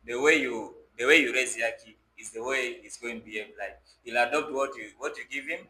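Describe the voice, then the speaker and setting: A young man hosts a conversational podcast, building his points by often repeating phrases. His medium-pitched voice is brisk with a sharp tone, and the recording has a roomy echo and faint background noise.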